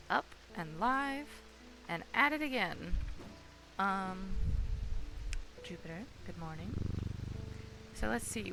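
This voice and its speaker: Woman streamer, casual gameplay chat, gravelly, music playing behind. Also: mid-range voice, poor audio. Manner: muses aloud, reads game text, chats to viewers.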